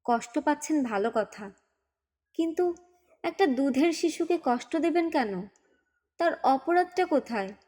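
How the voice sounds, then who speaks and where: A woman's voice: sits high, animated, unhurried, long pauses, a little mellow. A woman voicing an earnest young uncle who pleads firmly with his sister-in-law in an audiobook. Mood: pleading, firm. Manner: pleading yet firm.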